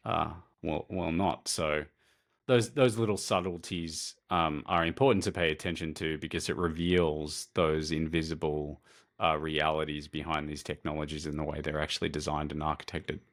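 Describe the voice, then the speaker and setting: Man, very low voice, gravelly, measured podcast co-host. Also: fairly even intonation. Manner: measured, reflective, with fillers. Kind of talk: casual conversational podcast.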